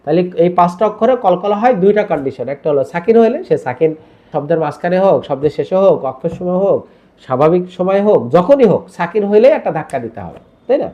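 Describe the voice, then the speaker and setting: A man's voice: high voice, animated, fast, warm tone. Man teaching Quran recitation, dull audio. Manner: explains step by step, then repeats syllables for students to copy. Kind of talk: tajweed lesson with recitation drills.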